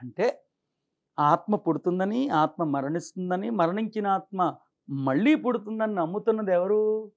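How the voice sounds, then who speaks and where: A man with a high voice explains scripture in an interview, reciting verses slowly and then posing questions he answers himself. The recording is dull and lo-fi. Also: lively intonation. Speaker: spiritual teacher, interview guest. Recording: dull lo-fi sound.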